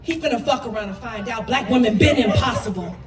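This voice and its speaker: Over a loud crowd, a poet speaks quickly in a voice on the high side, performing spoken word with impassioned, emphatic, dramatic force. The distant microphone picks up a roomy echo.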